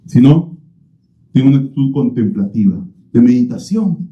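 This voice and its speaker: A man's voice: mid-range voice, expressive, moderate pace, dark tone. A man preaching an expository sermon as a pastor. He is emphatic, repeats key phrases and asks rhetorical questions, recorded in a church. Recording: roomy, slightly dull church recording.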